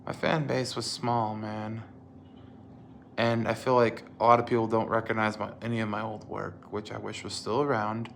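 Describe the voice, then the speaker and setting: Man in his twenties, casual storyteller, rambling with restarts, lowish voice, faint room hum behind. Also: little pitch movement, normal speed, vocal fry. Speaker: creator recalling his old series.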